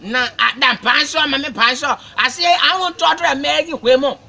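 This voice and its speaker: A man's voice: very high voice, a little fast, creaky, sharp tone, exaggerated voice. A man with a Liberian West African accent playing an agitated, simple-minded man in a comedy skit, stammering and repeating his complaints insistently. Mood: pleading, insistent. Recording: faint background noise.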